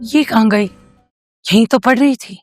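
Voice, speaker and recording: A woman's voice: fairly high pitch, unhurried, darkish tone, soft background music, lightly acted. A woman playing a worried mother who coaxes her daughter to eat in an amateur horror drama. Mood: puzzled. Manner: coaxing, fretful. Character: worried, caring middle-aged mother.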